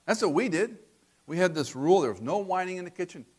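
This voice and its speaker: A man's voice: sits high, expressive, fast, breathy edge. An older man preaching a sermon, asking rhetorical questions and acting out quotes.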